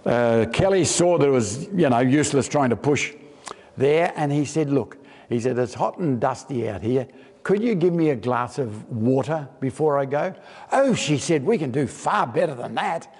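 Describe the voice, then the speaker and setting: An Australian man preaching a storytelling sermon, acting out the characters' lines and slowing down for emphasis. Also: mid-range voice, expressive, darkish tone, slightly rough. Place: church hall. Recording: long church hall reverb.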